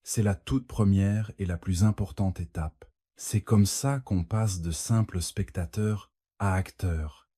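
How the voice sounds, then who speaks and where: A man's voice: sits low, slow, few pauses, dark tone, breathy edge, no echo, studio quality. A man preaching a fervent sermon as a pastor, speaking straight to the listener and breaking into exclamations of praise.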